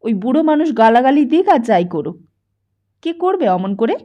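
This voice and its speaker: A woman voicing a weary, bitter poor mother who scolds her son in a nagging, sharp, raised voice, in a dull lo-fi audiobook recording. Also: high voice, expressive, measured pace. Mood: scolding. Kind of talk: audiobook character voice.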